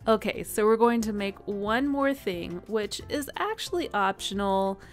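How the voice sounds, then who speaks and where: A woman hosting a cooking channel, talking through each step in a relaxed, chatty voice-over with small laughs and fillers. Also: mid-range voice, a little slow. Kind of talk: friendly voice-over cooking instructions. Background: soft guitar music.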